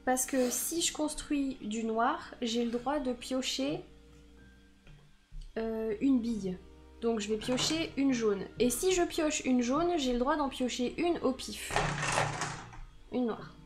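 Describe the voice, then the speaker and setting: A woman's voice: high voice, takes it slowly, darkish tone, soft background music. A woman with a Franc-comtois accent streaming a board game, laughing often and thinking her moves through aloud. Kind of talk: live board game play with banter.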